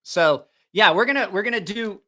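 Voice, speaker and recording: A man's voice: high-pitched, normal speed, pushed and bright. A man hosting a casual livestream in a hyped giveaway-announcing manner, rambling and repeating his phrases. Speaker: livestream host running a giveaway. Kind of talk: casual live-stream chat.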